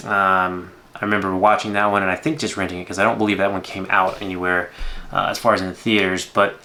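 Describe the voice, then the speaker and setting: A man's voice: deep voice, flat delivery, fast talker, bright, forceful tone, a little hiss or hum. A man in his thirties hosting a movie reaction, giving casual, unscripted commentary with rambling asides.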